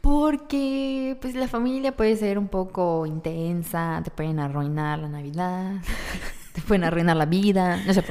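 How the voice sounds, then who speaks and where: A woman from Mérida with a Yucatecan accent, co-hosting a casual podcast chat, relaxed and laughing often. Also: lowish voice, measured pace, clean tone, in a large hall. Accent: Yucatecan Spanish. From Mérida, Mexico. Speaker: podcast co-host.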